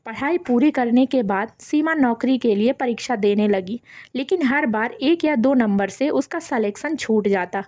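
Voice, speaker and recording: A woman's voice: a little high, lively intonation, moderate pace, a little mellow, no room sound. Woman narrating a family story.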